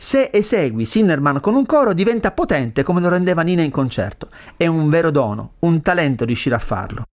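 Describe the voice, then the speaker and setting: A man hosting a radio show, narrating in an expressive storytelling manner. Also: fairly high pitch, fairly quick, hardly any pauses. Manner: expressive storytelling, dramatic reading of lyrics. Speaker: radio host.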